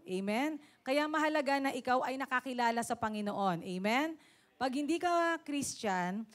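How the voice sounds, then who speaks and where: A woman preaching a sermon, mixing Tagalog and English, often laughing and calling out to the congregation for an "Amen". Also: a little high. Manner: switches between Tagalog and English.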